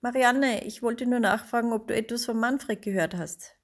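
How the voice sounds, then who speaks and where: A woman voicing a distraught young mother, tearful and pleading, her voice raised and higher. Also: moderate pace, natural voice. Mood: tearful, anxious.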